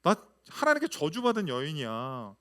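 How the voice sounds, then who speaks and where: A woman's voice: sits low, wildly swooping pitch, normal speed, voice pushed down. A male preacher voicing an older widowed mother-in-law who insistently pleads with her daughters-in-law to go home. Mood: pleading.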